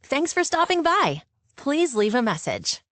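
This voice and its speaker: High, lively doorbell speaker woman's voice. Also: measured pace, no room sound. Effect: doorbell speaker playback. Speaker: automated doorbell greeting. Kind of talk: recorded voice prompt.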